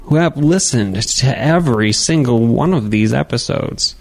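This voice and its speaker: A man's voice: mid-range voice, lively intonation, unhurried, gravelly, a little mellow. A young man hosting a casual comedy podcast into a studio microphone, rambling and joking with mock exasperation. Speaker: podcast host.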